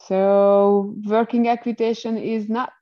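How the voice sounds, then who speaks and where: A woman's voice: mid-range voice, flat delivery, slow pace, dull audio. A woman from Hungary with a Hungarian accent, explaining in a conversational interview and searching for words as a non-native speaker. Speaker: interview guest, equestrian rider.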